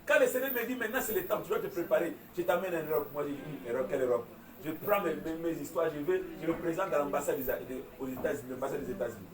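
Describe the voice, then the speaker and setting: Animated high-pitched preacher in an echoey church. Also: male voice, quick pace, crowd noise. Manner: animated preaching with call-and-response, laughing asides. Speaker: pastor. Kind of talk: sermon. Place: large church hall. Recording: echoey church hall, far from mic, congregation. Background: congregation responding.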